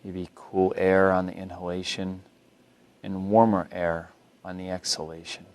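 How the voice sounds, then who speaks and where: The speaker is a mindfulness meditation instructor, a man with a deep voice, leading a body scan. His manner is gentle and instructive, calm and never rushed.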